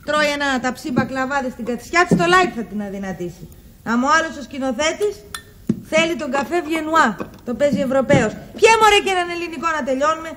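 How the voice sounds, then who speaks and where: A grouchy snappy canteen lady, high voice, no patience at all. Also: animated, fairly bright tone, a little hiss or hum. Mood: grumbling. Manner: brusque and scolding. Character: grumpy, blunt woman running a canteen. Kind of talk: sitcom acting.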